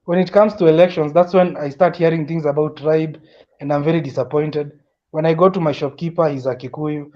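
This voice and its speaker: Calling into a casual discussion, a young man from Kenya speaks with a Kenyan accent, building his argument earnestly while repeating himself and starting sentences over. His voice is on the high side, steady in tone and brisk, and it comes through dull lo-fi audio.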